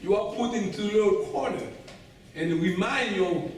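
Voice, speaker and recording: A man with a Haitian accent, telling stories to a club audience in an animated way and laughing often. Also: high voice, moderate pace. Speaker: guest speaker. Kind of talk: storytelling talk to a club audience. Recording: echoey room, distant mic.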